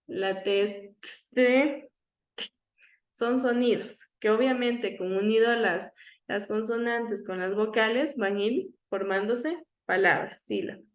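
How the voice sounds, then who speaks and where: A woman teaching an online class, lecturing and checking in often with her students, sometimes slowly sounding out speech sounds to demonstrate them. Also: fairly high pitch. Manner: checks in with frequent "¿ya?".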